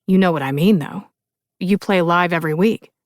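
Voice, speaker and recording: A woman narrator voicing a laid-back young male rock musician in an audiobook, speaking calmly and softly. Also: lowish voice, moderate pace, no room sound, clean studio sound, close to an everyday voice. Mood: earnest. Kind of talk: audiobook character voice.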